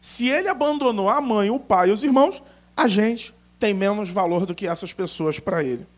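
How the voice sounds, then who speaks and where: A man's voice: sits high, normal speed. A male pastor preaching an emphatic sermon full of stories, acting out dialogue as he goes. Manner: animated, emphatic, acts out dialogue. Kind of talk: storytelling sermon.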